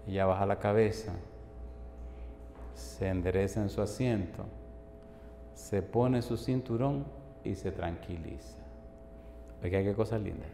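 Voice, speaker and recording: A man's voice: on the low side, measured pace, long pauses, mellow. A male pastor preaching a sermon, telling a story and rising to fervent appeals. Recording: echoey hall with faint noise.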